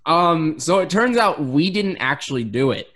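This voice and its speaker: A man's voice: fairly high pitch, very animated, normal speed, a bit bright, soft background music. A man talking as a podcast guest in casual chat, filling his sentences with "like". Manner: casual, says "like" a lot.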